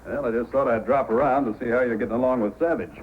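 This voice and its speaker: An actor playing a steady, authoritative but friendly male Mountie sergeant in an old-time radio drama. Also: medium pitch, fast, slight background noise, natural voice. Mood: steady, concerned. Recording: dull old radio recording with music.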